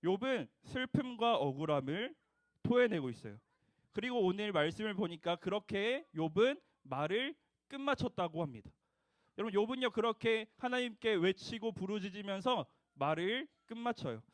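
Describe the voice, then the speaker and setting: A young man with a very high voice preaches to a room of children. He keeps asking them questions and has them repeat lines after him. The sound is close and dry, with no room echo. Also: lively intonation, moderate pace. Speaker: junior preacher for a children's service. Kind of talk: children's sermon.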